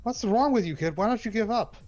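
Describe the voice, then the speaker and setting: A man's voice: on the high side, lively intonation, brisk, darkish tone, muffled recording, soft background music, natural voice. A man voicing a panicky young female pickpocket who pleads frantically in a tabletop game. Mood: taunting.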